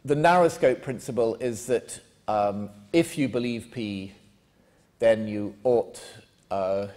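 A man's voice: fairly low pitch, slow pace, darkish tone. An older man, a philosophy lecturer, answering a question in a lecture room with many hesitant restarts and fillers. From England. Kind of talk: academic Q&A answer.

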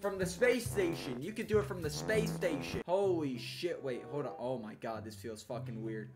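High-pitched young man talking profane gamer trash. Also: normal speed, over loud music. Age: young adult. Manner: profane, slangy trash talk. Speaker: gaming YouTuber. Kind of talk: casual gameplay commentary. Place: small room indoors.

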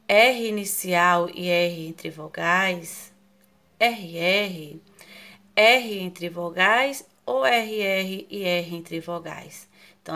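Slow, patient Brazilian woman teacher. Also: mid-range voice, bright, forceful tone. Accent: Brazilian Portuguese. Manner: slow, patient, spells out syllables, asks questions often. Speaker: primary school teacher. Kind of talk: online class for children.

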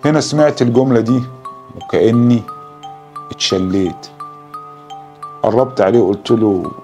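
A man with an Egyptian Arabic accent narrating a horror story in a slow, dramatic storytelling manner. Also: mid-range voice, dark tone, lo-fi sound, faint music behind.

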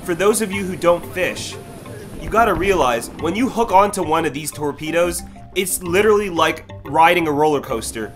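A young man with a somewhat high voice narrates his first salmon catch in a fishing vlog voice-over, speaking at a moderate pace. He tells the story with eager, earnest excitement over loud background music.

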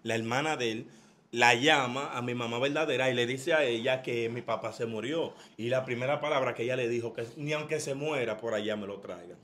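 A man's voice: mid-range voice, a little fast, fairly bright tone, slight background noise. A young man with a Dominican accent filming a casual prank vlog, teasing and laughing as he talks over the others. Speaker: vlogger playing a prank.

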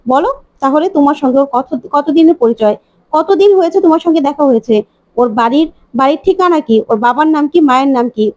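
A woman's voice: high voice, a little fast, darkish tone, dry recording, lightly acted. A woman reading the lines of a young wife who presses one question after another, pleading to be remembered. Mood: demanding.

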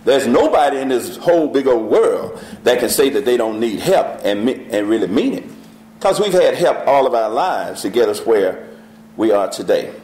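A man with a drawl leads a church Bible study, his voice rising and falling with lively swings. He reads scripture slowly and tosses questions to the class, and his voice rings through an echoey church room. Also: medium pitch, slight background noise.

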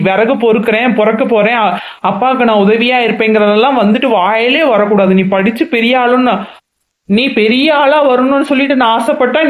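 A man voicing an aging, tired village father in a cartoon who scolds his son sternly but loves him, recorded with a roomy echo. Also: extremely high pitch. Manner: scolding, then soft and fatherly.

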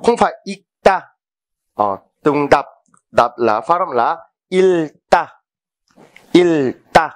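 A man teaching a language lesson, explaining vocabulary and repeating each word slowly, often asking if students understand. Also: on the high side, expressive.

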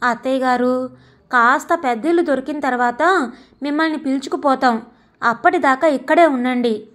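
A woman voicing a young daughter-in-law who is sharp and scornful toward her in-laws. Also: high-pitched, moderate pace. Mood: sweet.

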